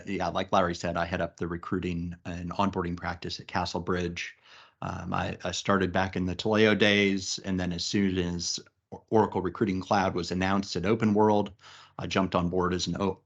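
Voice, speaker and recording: A man presents a business webinar in a chatty, upbeat way, full of fillers and restarts. His voice sits a little low. The audio is muffled and lo-fi. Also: little pitch movement, moderate pace, a bit bright. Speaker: webinar presenter, recruiting practice lead.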